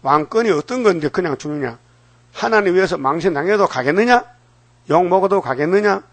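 A man's voice: sits high, lively intonation, fairly quick, dry recording. An older man preaching a sermon, firing rhetorical questions at the congregation and acting out quoted voices. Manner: dramatic, acts out quoted voices. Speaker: pastor.

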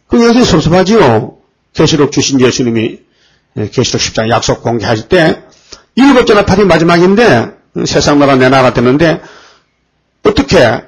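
A man preaching a sermon, often pausing to put questions to the congregation. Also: mid-range voice, gravelly, breathy edge, low-quality recording. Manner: rhetorical questions to the congregation, frequent fillers.

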